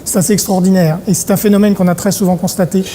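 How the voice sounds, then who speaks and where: A middle-aged man from Paris, an event organizer talking in an interview, pausing often on filler sounds. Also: sits high, little pitch movement, mellow, a little hiss or hum. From Paris, France. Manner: hesitant, many filler sounds. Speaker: congress organizer. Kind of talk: interview monologue.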